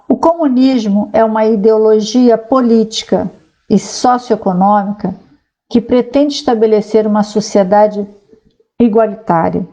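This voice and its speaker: A woman's voice: fairly high pitch, measured pace, warm tone, muffled recording. A woman sociologist talking casually to viewers, explaining ideas and reading aloud from a website, with frequent tag questions. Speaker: sociologist commentator.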